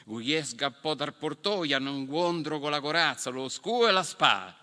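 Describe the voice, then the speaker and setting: A man telling a folk tale on stage in a Marche dialect from the Fabriano area, animated and theatrical. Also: fairly high pitch, normal speed. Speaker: storyteller. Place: stage in an event hall. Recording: reverberant hall.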